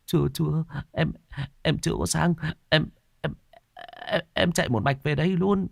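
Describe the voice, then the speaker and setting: A man's voice: fairly high pitch, normal speed, vocal fry, no room sound, clean studio sound, pitched above the performer's own voice. A man doing a stammering, terrified young man. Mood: stammering fear. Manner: stammering, shouting in panic. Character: panicked young man, frightened and tearful.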